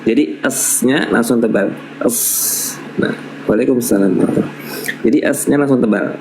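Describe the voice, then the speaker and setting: A man teaching a live Quran recitation lesson, patiently repeating syllables slowly as models for students to copy. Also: mid-range voice, darkish tone, a little hiss or hum, rough recording.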